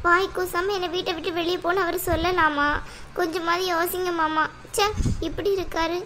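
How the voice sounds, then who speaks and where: Cartoon role: fiery young wife, high, piercing voice, voiced by a woman. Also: level tone, brisk, a little hiss or hum. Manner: complaining, sharp-tongued. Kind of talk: cartoon voice acting.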